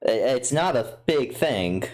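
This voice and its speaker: A man with a medium-pitched voice speaks slowly at a tabletop game. His casual talk is hesitant and apologetic, with stops and starts. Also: very animated, darkish tone. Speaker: participant in a tabletop role-playing game.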